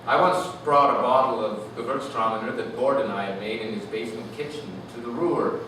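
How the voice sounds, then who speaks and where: At a live reading event, a Canadian author reads his own literary work to an audience with lyrical, animated, deliberately expressive phrasing at a middling pitch. The room is very echoey and noisy, and the mic sits far from him.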